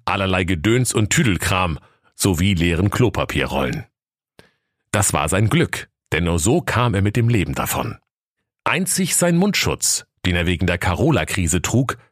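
A man with a northern German accent narrating a comic fairy tale in a lively, playful way. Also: sits low, no room sound, clean studio sound. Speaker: storyteller.

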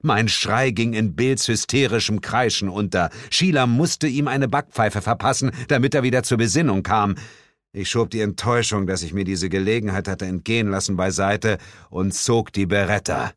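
A man narrating a comic horror story in a dramatic way and slowing down for ominous lines. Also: fairly low pitch, no room sound, clean studio sound. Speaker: audiobook narrator.

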